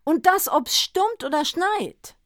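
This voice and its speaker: A woman's voice: very high voice, animated, takes it slowly, fairly bright tone, dry recording, studio quality, pitched above the performer's own voice, full character voice. A woman voicing a flustered, effusive male shopkeeper who gushes and stammers. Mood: gushing. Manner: gushing, stammering.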